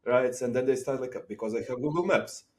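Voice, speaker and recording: A man from Serbia talking in a relaxed podcast conversation, thinking aloud with fillers and restarts. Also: mid-range voice, brisk. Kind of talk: casual conversation.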